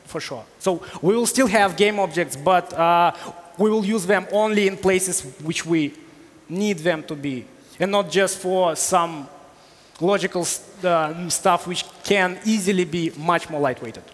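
A high-pitched man in his thirties fields technical questions from a conference audience, explaining step by step with plenty of "uh"s. He wears a headset mic in a big hall, and a long reverb trails his voice. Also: a little slow. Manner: explanatory, with hesitations. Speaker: conference speaker. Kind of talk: technical Q&A on stage. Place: large hall on stage.

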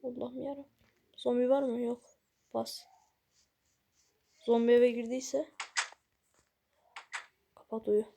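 A woman's voice: fairly high pitch, flat delivery, slow, creaky, long pauses, dark tone, slight background noise. A woman giving casual let's-play commentary, exasperated and grumbling at the game while talking straight to her viewers. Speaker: gaming video creator.

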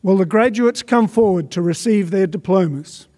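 Speaking at an ordinary pace in a high, slightly mellow voice, an older master of ceremonies delivers formal graduation announcements from a podium microphone. He trips a little over the titles as his words echo with the long reverb of a large arena.

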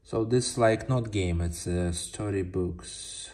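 An adult giving casual, halting, muttered commentary while playing along with a children's app. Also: sits low. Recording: loud background noise, clicking.

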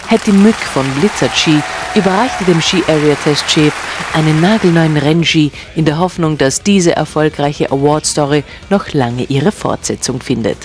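A man's voice: fairly high pitch, moderate pace. Male narrator over music and crowd noise. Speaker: news narrator.

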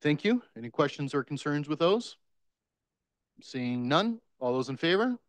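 A man, the mayor, chairing a formal council meeting at a desk microphone in a council chamber, brisk and procedural. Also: fairly high pitch, very animated, no room sound.

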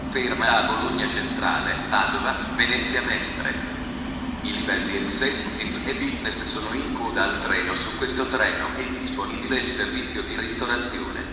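A man making formal, evenly paced station announcements over a public address loudspeaker. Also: lowish voice, a little fast. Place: large train station hall. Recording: echoey station hall from far off. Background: station noise, trains.

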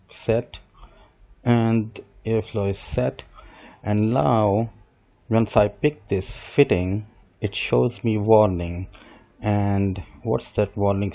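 In this voice-over on a screen capture, a man with a low, mellow voice teaches software from his computer desk. Walking through the steps while working, he occasionally restarts and corrects himself; the audio is dull and lo-fi.

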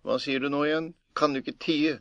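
A man's voice: a little high, steady tone, a bit bright, no echo, dull audio, voice pushed up. A man voicing a sly, cheeky young farm lad in a folk tale, talking in a cocky, nonchalant way.

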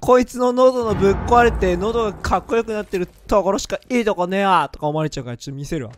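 A hoarse man giving excitable, joking gameplay commentary, often mocking himself. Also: high voice, quick pace. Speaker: gaming video creator.

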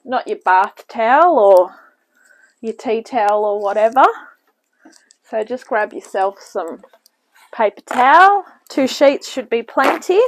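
A woman's voice: on the high side, expressive, a little slow, long pauses, no echo, rough recording. A woman hosting a home cooking demonstration, talking casually with rambling asides as she works, heard from a camera in a home kitchen. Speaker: cooking show host. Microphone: camera mic, off-screen speaker at the bench.

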